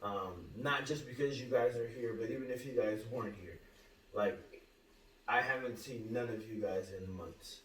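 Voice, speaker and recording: A man in his thirties hosting a podcast, talking earnestly in casual chat with halting restarts. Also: medium pitch. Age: 30s. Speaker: podcast host. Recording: roomy, distant mic with faint hum.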